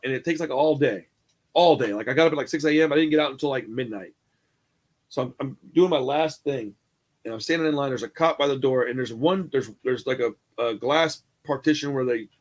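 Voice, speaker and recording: Fast-talking profane man telling stories. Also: on the high side. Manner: animated, profane, acts out the people in his stories. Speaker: podcast co-host. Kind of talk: casual storytelling.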